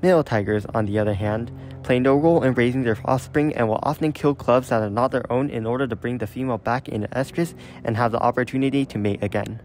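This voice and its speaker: A man's voice: medium pitch, fast talker, darkish tone, a little hiss or hum. A man reading scripted, factual nature documentary narration.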